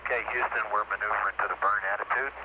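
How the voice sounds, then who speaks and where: An astronaut speaking to mission control over a crackly radio link, calm and clipped. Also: male voice, lowish voice, very fast. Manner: calm, clipped procedural talk. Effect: heard over a crackly radio link. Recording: muffled archival radio with hiss.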